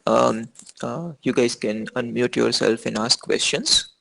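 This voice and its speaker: A man's voice: medium pitch, measured pace, gravelly, bright, forceful tone, no room sound, poor audio. A man teaching an online class over a video call, answering questions with many fillers and restarts. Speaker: instructor.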